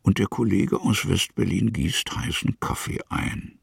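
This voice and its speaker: A low-pitched male storyteller narrates a literary radio play in the present tense, musing and reflective, setting out images in brief, measured fragments. His very husky, gravelly voice crackles with heavy fry, delivered in an exaggerated style and recorded close and dry without any room sound.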